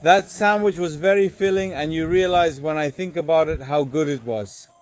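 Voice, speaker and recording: This travel vlogger sounds smooth, a little high, and darkish in tone, speaking at a moderate pace. Using a handheld phone, he chats casually as he strolls city streets and eats, later narrating from behind the wheel.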